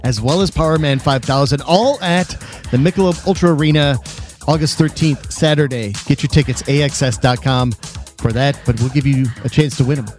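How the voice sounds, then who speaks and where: A man's voice: on the high side, moderate pace, darkish tone. Male sports radio host over music. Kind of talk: live radio show hosting, announcements and banter.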